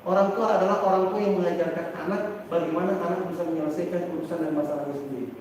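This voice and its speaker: A man, an Islamic teacher, giving a lively parenting lecture and acting out parents and children as he talks. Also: fairly high pitch, very fast. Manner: animated, acts out parents and children, asks the audience questions. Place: large seminar room. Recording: distant, very echoey hall with faint noise.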